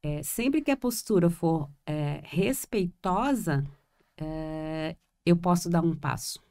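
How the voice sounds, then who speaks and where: Co-hosting a podcast in a small three-person room, this Florianópolis therapist speaks slowly in a lowish, slightly mellow voice with lively intonation. Her local Florianópolis Portuguese accent comes through as she reflects hesitantly, using lots of fillers.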